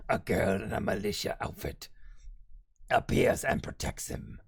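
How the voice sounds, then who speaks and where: A man doing a gravelly, raspy demonic voice for a streamed reaction, playing a mocking, theatrical male demon. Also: medium pitch, fairly bright tone, pitched below the performer's own voice, exaggerated voice. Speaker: streamer co-host. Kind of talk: reading a show synopsis in a put-on voice.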